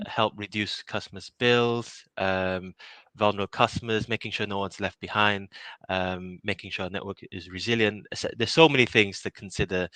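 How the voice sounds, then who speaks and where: A man's voice: on the low side, bright, forceful tone, dry recording. A man from Malaysia in his thirties, answering interview questions casually, with many fillers, restarts and easy laughs. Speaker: innovation project lead.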